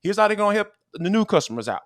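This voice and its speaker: A man hosting a sports podcast, talking in an animated, emphatic, slangy way and reading an ad with energy. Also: sits high, racing, no room sound. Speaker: podcast host. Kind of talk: casual sports podcast talk and read ad.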